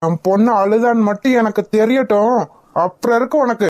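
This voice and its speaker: A woman's voice: a little high, fairly even intonation, fairly quick, a little mellow, no echo, clean studio sound, lightly acted. A woman voicing a protective young father in a village cartoon who dotes on his baby and threatens the nanny. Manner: threatening, doting.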